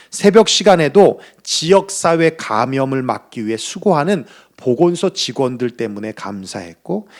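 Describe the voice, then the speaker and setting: Lively-voiced male pastor preaching. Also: medium pitch. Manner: earnest preaching, rising to emphatic peaks. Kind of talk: sermon. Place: church.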